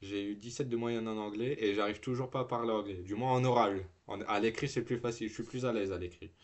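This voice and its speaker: A man's voice: on the low side, steady tone, fast talker. A teenage boy live-streaming from home, chatting loosely with slang and swearing, full of restarts and trailing fillers. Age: teens. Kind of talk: casual live-stream chat.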